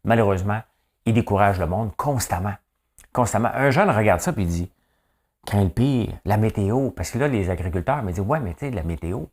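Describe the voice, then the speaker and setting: A middle-aged man with a Quebec French accent and a somewhat low voice delivers a casual morning news monologue. He is a chatty farmer who speaks his mind and keeps checking in with the listener. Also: expressive, fairly quick, a little mellow. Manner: chatty, rhetorical, keeps asking "hein?". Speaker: podcast host and farmer.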